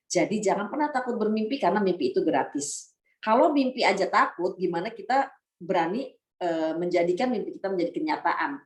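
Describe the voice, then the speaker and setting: Echoey, distant woman telling stories. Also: lowish voice. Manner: casual, animated storyteller acting out dialogue. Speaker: speaker. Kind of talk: motivational storytelling talk. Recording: echoey room, voice from far off.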